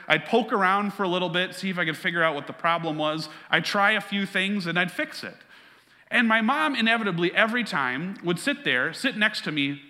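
Man, pastor, sermon, earnest conversational preaching, high voice, echoing sanctuary. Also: bright, forceful tone.

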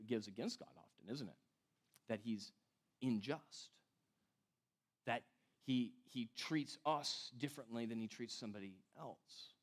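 A middle-aged man preaching a conversational teaching sermon, with a slight whistle on his s sounds, breaking off and putting questions to his listeners. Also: mid-range voice. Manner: self-interrupting, rhetorical questions, talks directly to listeners. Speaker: pastor preaching to a congregation.

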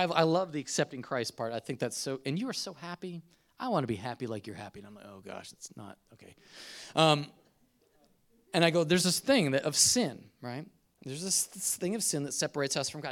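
A middle-aged man preaching a conversational sermon, telling stories with laughs and swings from loud to soft. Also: a little high, brisk. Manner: conversational, animated storytelling with laughs. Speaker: pastor.

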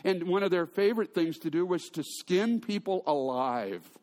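A man's voice: sits high, lively intonation, normal speed, a little mellow. A man preaching a sermon, telling stories with humor and often restarting his sentences. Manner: storytelling with humor and frequent restarts. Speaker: pastor.

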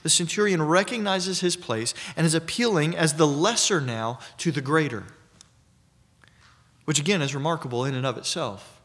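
A man preaching an expository sermon in a measured, emphatic teaching manner. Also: fairly high pitch, a bit bright.

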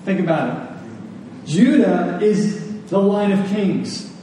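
A man with a high, mellow voice and lively intonation takes his time delivering a sermon to his congregation. He relies on rhetorical questions and repeated phrases, and the recording comes from a distant mic in a very echoey room with faint noise.

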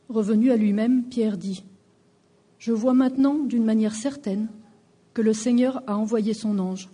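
A woman reads scripture aloud in a steady, measured way. Her voice is very dark and mellow, with a husky edge. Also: medium pitch. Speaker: scripture reader. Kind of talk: Bible reading.

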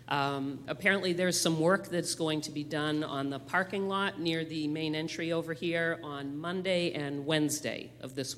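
A man's voice: a little high, a bit bright, a little hiss or hum. A man speaking as a church elder, addressing the congregation with announcements and public prayer. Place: church sanctuary. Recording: long hall reverb.

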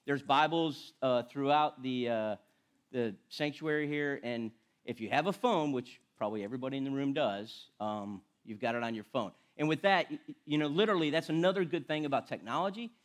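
A middle-aged man preaches in a casual, self-deprecating way, chatting with his church and stumbling over restarts. He mixes everyday stories into the sermon, and he sounds relaxed and conversational. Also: medium pitch. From Florida. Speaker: lay preacher and firefighter. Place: church sanctuary.

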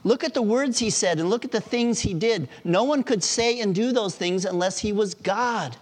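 A man's voice: high voice, lively intonation, normal speed, a bit bright, pitched above the performer's own voice. An eager, newly convinced middle-aged man speaks with earnest insistence, as a man reads his part aloud. The voice sits well above the reader's own and pushes each claim with firm conviction.

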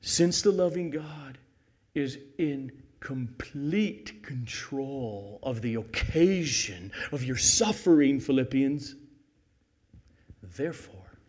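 A middle-aged male pastor preaching a sermon, swinging from loud emphasis to near-whispers and slowing down to read scripture deliberately. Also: medium pitch, expressive.

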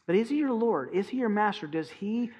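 A pastor preaching a sermon, stressing key phrases and asking the congregation pointed rhetorical questions. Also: male voice, high voice, lively intonation, brisk, darkish tone, husky.

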